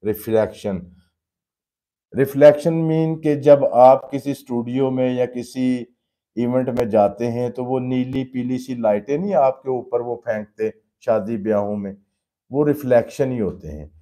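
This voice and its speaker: Male painting teacher, warm low tone, patient and fatherly, breaks each step down in plain terms. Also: a little slow. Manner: addresses students fatherly as "beta". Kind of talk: live painting demonstration lesson.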